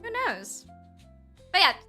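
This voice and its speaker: A woman's voice: extremely high pitch, wildly swooping pitch, takes it slowly, sharp tone, faint music behind. A woman streaming live and chatting with her viewers in a giggly, rambling way, laughing often and restarting her sentences, close to the mic. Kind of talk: casual livestream chat with viewers. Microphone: close desk mic.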